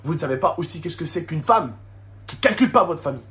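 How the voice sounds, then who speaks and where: A man addressing his YouTube subscribers rants indignantly to camera in a French suburban street accent, his voice on the high side, a bit bright, animated and quick. He leans on street slang and Arabic interjections, repeats himself and throws out rhetorical questions.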